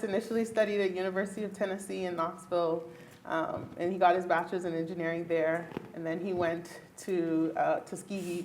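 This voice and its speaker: A Bahamian woman who works as a neurologist answers a question on a panel in a luncheon event hall, her mid-range voice earnest and emphatic. She laughs often as she talks, and there's slight background noise.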